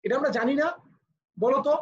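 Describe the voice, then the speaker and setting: The muffled, lo-fi video call audio captures a man with a Bangladeshi accent teaching a live online physics class. He speaks fast in a very high-pitched voice, explaining patiently step by step and using English for terms.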